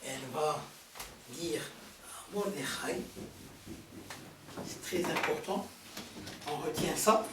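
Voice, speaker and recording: A man's voice: on the high side, takes it slowly, long pauses. A man rabbi teaching a Torah lesson to a live audience, quizzing them with questions and stressing key words. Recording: roomy hall from a distant mic, faint noise.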